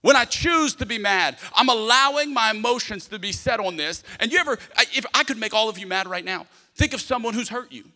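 A little fast and with hardly any pauses, this preacher's high, pushed and bright voice moves with lively intonation through a large hall with long reverb. He's both emphatic and conversational before his congregation, repeating phrases for them to echo, telling funny personal tales and acting out little dialogues.

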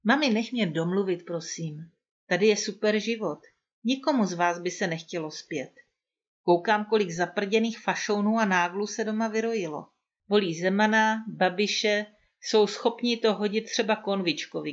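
A woman's voice: mid-range voice, dull audio, natural voice. A woman reading the part of a carefree young adult son who talks back to his mother in a breezy, persuasive way.

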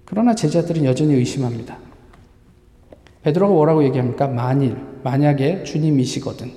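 A man's voice: medium pitch, brisk, dark tone. Male pastor, Sunday sermon in a reverberant church hall, questions the congregation. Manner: asks the congregation rhetorical questions. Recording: echoey hall with long reverb.

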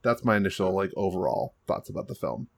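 A man's voice: deep voice, sing-song, fast, gravelly. A man hosting a casual film discussion podcast and steering the conversation.

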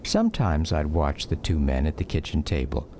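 Playing an adult son looking back on his boyhood, an American-accented actor delivers reflective, scripted memoir narration for radio drama with music beneath. His very deep voice is dark in tone and sing-song at a moderate pace, with a little hiss or hum.

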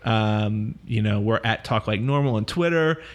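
A man's voice: on the low side, measured pace. A man hosting a casual podcast, playful and joking as he reads out listener mail and introduces guests. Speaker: podcast host.

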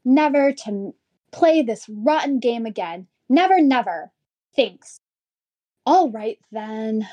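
Squeaky cowardly schoolboy, very animated, slow and word-mangling, for a vintage radio comedy. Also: male voice, muffled recording, heavily acted. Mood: boastful. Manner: reads own stage directions aloud, mangles words. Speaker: comic character. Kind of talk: 1950s radio comedy acting.

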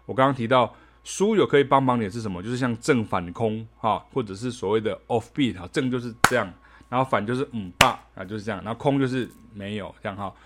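A man's voice: on the low side, fast talker, noisy background. Chatty man teaching jazz rhythm. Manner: chatty, ends phrases with a soft "ha", scats rhythms aloud. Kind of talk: casual spoken music lesson.

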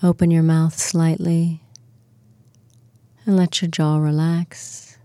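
A woman talks listeners through a guided relaxation in an unhurried, soothing way. Her voice sits low and mellow. The recording is close and dry, with no room sound. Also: little pitch movement, dry recording. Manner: slow, soothing, soft-spoken instructions.

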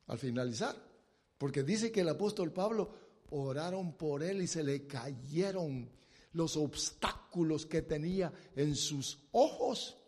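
Dramatic preacher man in a reverberant hall. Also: sits high. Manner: dramatic, acts out the blind man's shouted pleas. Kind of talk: sermon.

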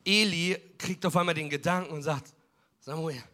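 A male pastor preaches with a high, bright voice that sounds forceful and tense. He tells the story in a lively way and mixes in jokes and asides. The delivery is full sermon storytelling. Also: a little fast.

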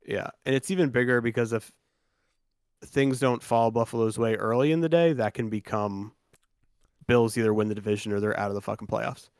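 A man's voice: medium pitch, a little fast, darkish tone, smooth, no room sound, studio quality. A man co-hosting a sports podcast in loose, casual chat, swearing freely and restarting his sentences often. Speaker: podcast co-host.

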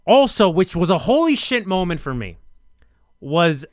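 A young man hosting a casual wrestling chat, recapping results in quick, animated bursts. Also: sits high, no echo, clean studio sound. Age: young adult. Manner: animated, rapid-fire recaps. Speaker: podcast host.

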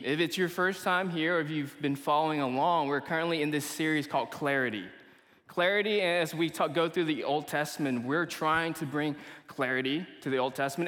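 His voice is fairly high in pitch and a bit bright. He is a young man from Kuala Lumpur giving a casual, chatty sermon full of slang to a young adults congregation, recorded in a church meeting hall with a long echo.

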